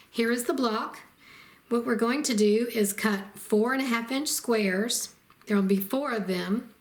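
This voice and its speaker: A woman narrating a step-by-step quilting tutorial as the instructor, in a calm and methodical way. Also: fairly high pitch. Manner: calm, methodical, explains each step plainly.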